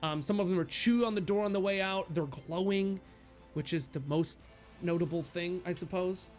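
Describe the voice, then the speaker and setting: A man's voice: high voice, normal speed, faint music behind, close to an everyday voice. A man doing an effusive, cheerful tavern bartender. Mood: explaining. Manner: effusive, exclaiming. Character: jovial grateful tavern bartender, grown man.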